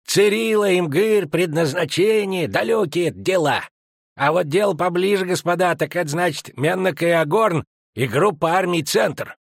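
A man's voice: high-pitched, normal speed, vocal fry, dry recording, clean studio sound, voice pushed up. A man voicing a quarrelsome male dwarf who brushes things off with a scoff in an audiobook.

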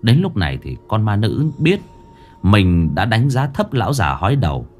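A man narrating a horror story in a lively, dramatic reading style. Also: lowish voice, moderate pace, faint music behind.

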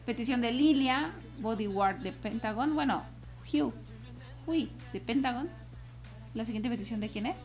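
A woman's voice: fairly high pitch, moderate pace, a little mellow, faint music behind. Chatty northern Mexican woman radio host. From Chihuahua, Mexico. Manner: chatty, laughs often, playful. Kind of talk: casual radio chat. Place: radio studio.

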